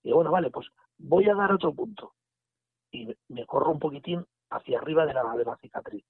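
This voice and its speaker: Gravelly man from on a phone line. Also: fairly high pitch, fairly quick, dry recording. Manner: animated retelling with quoted dialogue and restarts. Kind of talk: casual storytelling.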